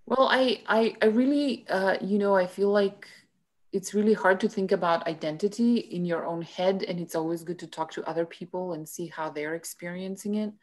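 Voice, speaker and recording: A middle-aged woman with a slightly low voice talks reflectively as a guest speaker over a video call. Her phrasing is conversational and halting, broken up by frequent "you know" asides. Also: a little mellow. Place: indoor room with bookshelves.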